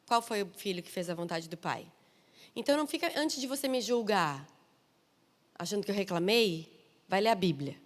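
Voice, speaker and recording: A woman missionary preacher with a Brazilian Portuguese accent, delivering a sermon with lively, humorous storytelling and emphatic asides. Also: medium pitch, normal speed. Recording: long reverb of a large hall.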